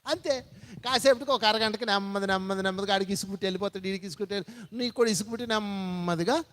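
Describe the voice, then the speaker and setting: A man's voice: high voice, rapid-fire, a bit bright. A man giving a spiritual satsang talk, telling stories and repeating phrases for emphasis. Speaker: spiritual speaker. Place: large meditation hall. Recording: reverberant hall.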